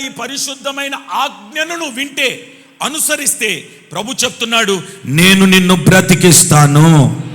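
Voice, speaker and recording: Man, pastor, live sermon, high voice, very bright and forceful, long hall reverb. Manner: urges the congregation to answer louder, repeats verse references. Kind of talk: live Sunday sermon with call-and-response. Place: church hall.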